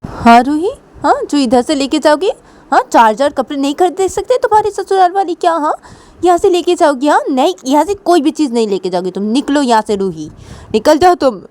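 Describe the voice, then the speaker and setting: A woman voicing a tearful, angry middle-aged mother who scolds in a shrill, raised voice. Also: lively intonation, fairly quick, a little mellow. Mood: furious.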